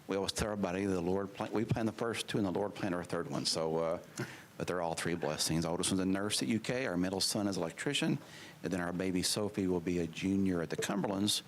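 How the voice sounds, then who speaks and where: A man in his fifties, newly named assistant superintendent, speaking haltingly at a school board meeting with a swollen mouth after surgery. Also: low-pitched, slight background noise. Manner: halting, many fillers and restarts. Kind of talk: public remarks at a meeting.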